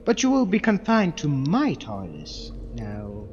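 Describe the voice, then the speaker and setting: A woman playing a scheming, sarcastic, ruthless Time Lord villain in an audio drama, with a theatrical and deliberate delivery. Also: sits low, wildly swooping pitch, a little mellow, faint music behind, exaggerated voice. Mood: commanding. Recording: muffled, noisy, reverberant amateur recording.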